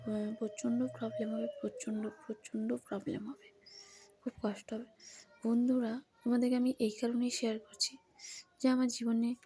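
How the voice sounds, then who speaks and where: A woman giving a casual beauty tutorial at home in the early morning, speaking softly and often whispering so as not to wake anyone. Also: a little high, gravelly, a little hiss or hum. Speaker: beauty vlogger.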